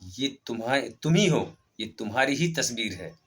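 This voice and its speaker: A man's voice: fairly low pitch, unhurried, a bit bright. Man doing a proud lion king of the jungle, firm, insistent, storybook figure. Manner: firm, insistent, repeats his words.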